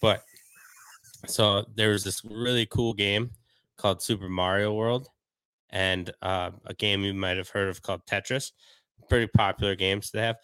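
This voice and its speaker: Laid-back storytelling man, low voice. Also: steady tone, normal speed, fairly bright tone, clear, resonant tone, dry recording. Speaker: podcast co-host. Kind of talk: casual chat.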